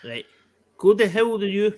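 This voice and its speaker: Brief: man in his forties, high voice, pushy questioner in group chat. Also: sing-song, moderate pace, a little mellow. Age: 40s. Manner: insistent questioning. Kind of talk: casual chat.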